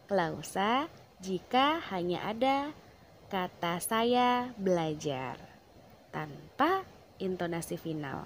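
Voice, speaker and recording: A woman teacher explaining a lesson in a deliberate way, stressing key words with rising emphasis. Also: mid-range voice, a little hiss or hum.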